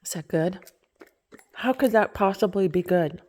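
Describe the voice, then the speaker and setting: Woman cooing to her dogs, husky and slow. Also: medium pitch, a little mellow. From Virginia, United States. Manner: cooing baby-talk to her dogs, drops to whispers. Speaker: pet owner. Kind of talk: casual talk to pets. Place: at home with pets.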